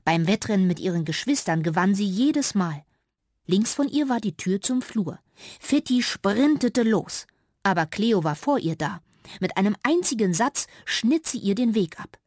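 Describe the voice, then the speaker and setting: A woman narrating a children's audiobook with lively, expressive storytelling. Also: medium pitch, a little slow, dry recording, studio quality.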